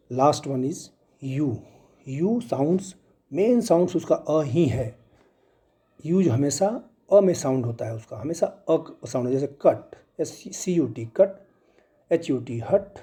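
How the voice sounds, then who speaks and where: A male teacher walks his class through phonics, spelling each word letter by letter before saying it. His pace is unhurried and deliberate. The voice sits a little high for a man but sounds very dark and mellow in tone. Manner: slow, patient spelling out letter by letter. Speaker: school teacher. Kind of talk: phonics lesson in mixed Hindi and English.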